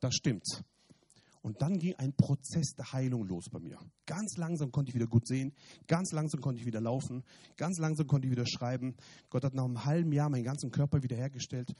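A man preaching a sermon and giving his testimony, repeating phrases and swinging from loud emphatic bursts to quiet remarks in a church. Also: a little high, breathy edge. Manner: repeats phrases, restarts words.

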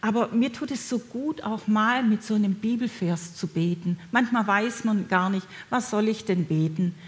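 Woman preacher, middle-aged, gentle, encouraging, mid-pitched voice. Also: normal speed. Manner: gentle, encouraging, speaks directly to listeners. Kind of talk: sermon.

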